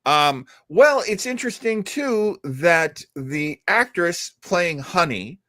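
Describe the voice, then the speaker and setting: A radio show host chats casually about old radio, musing as he explains things at length. His voice is a little high and sharp, with lively intonation and a slow pace, in studio-quality sound with no room echo.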